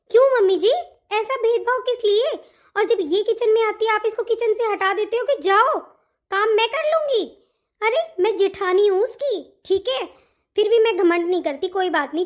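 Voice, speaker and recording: A fed-up young wife from a cartoon family drama, voiced by a woman. She talks back in an indignant, outspoken way and lists her grievances. Her voice is very high. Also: darkish tone. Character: long-suffering elder daughter-in-law finally speaking up. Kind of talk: animated family story voice acting.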